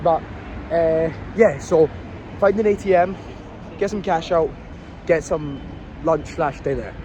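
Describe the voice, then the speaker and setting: A slightly high-voiced young man from Scotland talks at a slow pace while vlogging a day trip, his casual narration rambling and sprinkled with occasional swearing. The noisy outdoor phone footage moves between a windy coastal town and city streets.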